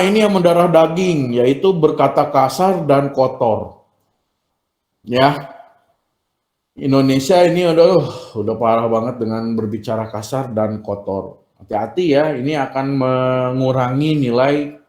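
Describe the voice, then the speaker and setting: A man teaching an online class, chatty and animated, acting out polite phrases for his students. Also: medium pitch, unhurried, reverberant. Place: room at home or school, video meeting.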